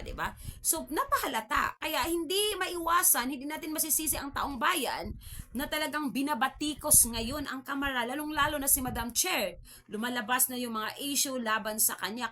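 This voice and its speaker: Chatting through political commentary on her vlog, this woman from the Philippines keeps tossing in tag questions and mocking laughter. Her voice sits high and has a sharp edge.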